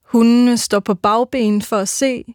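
A woman giving a measured, rhythmic reading of her own first-person literary prose. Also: fairly high pitch, steady tone, darkish tone, no echo, studio quality.

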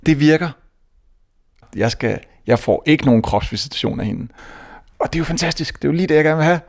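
A young man from Denmark telling a comic story on stage, animated and self-mocking, often stammering and restarting. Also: fairly high pitch. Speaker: stand-up comedian. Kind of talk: stand-up storytelling.

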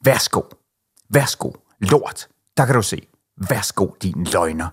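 A man reading aloud the lines of an angry, defiant young boy who taunts and shouts. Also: deep voice, breathy edge. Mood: shouting.

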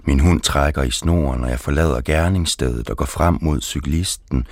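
A man reading his poetry aloud, slow and deliberate. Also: a bass voice, dry recording, clean studio sound.

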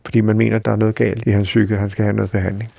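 Gravelly, husky man telling a story. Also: on the low side, level tone, warm tone, no room sound. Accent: Danish. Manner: halting, reflective, many fillers. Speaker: interviewee recalling a friend. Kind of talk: personal storytelling.

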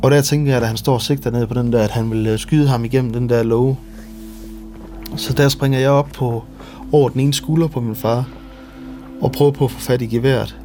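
A Danish man giving documentary testimony in a measured, detailed way. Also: mid-range voice, steady tone, mellow, faint music behind. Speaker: interviewee recounting family events.

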